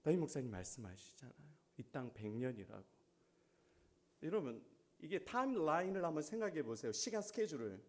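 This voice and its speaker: A middle-aged male pastor preaching a sermon, asking the congregation questions and swinging between loud exhortation and quiet asides. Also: on the high side, sing-song, fairly quick.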